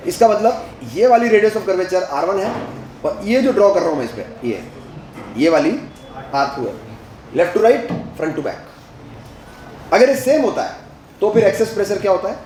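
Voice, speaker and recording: A man's voice: high-pitched, big pitch swings, measured pace, long pauses, a little mellow. Guy teaching physics in an echoey classroom, faint hum behind, asks lots of questions. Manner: mixes Hindi with English terms. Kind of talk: classroom lecture at a board.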